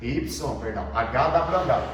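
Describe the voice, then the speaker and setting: A Brazilian man, a pastor, teaches a Bible class slowly in a medium-pitched, animated, slightly bright voice, quizzing students and often saying their answers back. He has a Brazilian Portuguese accent. The audio is distant and echoey, from a large room with students, with faint noise.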